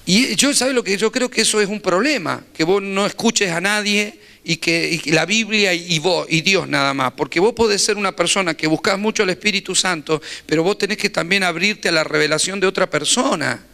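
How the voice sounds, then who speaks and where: High gravelly Argentine preacher. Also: male voice, brisk, few pauses, pushed and bright. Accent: Rioplatense Spanish. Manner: conversational, rhetorical questions, voseo. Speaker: pastor. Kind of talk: teaching sermon.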